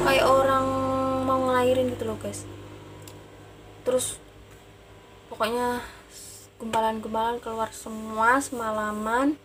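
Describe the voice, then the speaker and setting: A woman's voice: a little high, heavy background noise. A woman vlogger telling a personal story into a phone mic in an emotional, sorrowful way, often addressing her viewers as guys. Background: background music.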